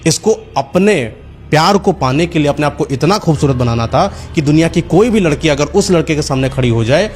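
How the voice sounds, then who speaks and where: A man's voice: a little high, animated, a little fast, darkish tone, soft background music. A man narrating a horror story in a loose, conversational way, with frequent fillers.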